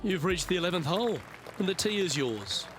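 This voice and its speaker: Upbeat golf commentator, higher-pitched voice. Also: male voice, big pitch swings, a little fast. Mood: upbeat, approving. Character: upbeat male TV golf commentator in a video game. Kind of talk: video game golf play-by-play commentary. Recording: loud music and crowd behind.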